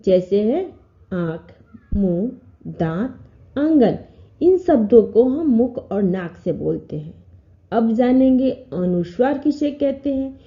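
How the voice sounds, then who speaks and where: A woman teacher giving a grammar lesson, slowly reciting letters one by one and explaining each term with care. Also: a little high, big pitch swings. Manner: slow, careful recitation of letters. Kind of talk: classroom lesson. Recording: dull lo-fi recording.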